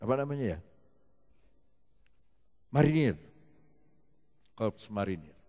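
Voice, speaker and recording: A man preaching a sermon, telling stories with lively shifts and calling out to the congregation. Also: lowish voice, slow. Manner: animated storytelling preacher, calls out to the congregation. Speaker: pastor. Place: church hall. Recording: long reverb of a large hall.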